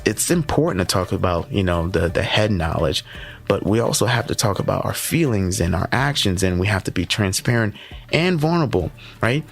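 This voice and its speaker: Energetic low-voiced male podcast host. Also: creaky. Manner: energetic, conversational, keeps checking in with "right?". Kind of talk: motivational podcast talk.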